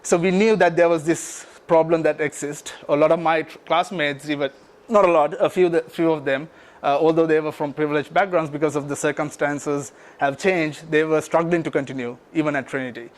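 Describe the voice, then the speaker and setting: A man in his thirties from Sri Lanka with a Sri Lankan English accent, giving a talk about his nonprofit with many pauses and restarts. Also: fairly high pitch, steady tone. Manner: halting, many fillers and restarts. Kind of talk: speech to an audience.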